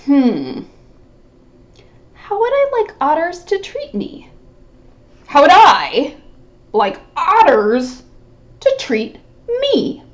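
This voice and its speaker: A woman's voice: sits high, highs cut off, full character voice. A woman voicing a worried, polite male rabbit in a picture book she reads aloud, with an earnest, mannerly delivery. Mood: puzzled.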